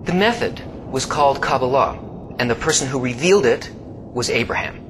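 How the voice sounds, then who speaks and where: A man giving slow, scripted documentary-style narration, swinging between hushed low passages and emphatic rises. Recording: steady background hiss.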